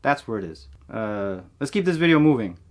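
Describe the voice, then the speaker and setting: A man in his thirties, a cosplay prop maker, talks through his build steps in a relaxed, plain way in a casual tutorial voice-over. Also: medium pitch, brisk. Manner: relaxed, plain step-by-step explaining. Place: home workshop, indoors.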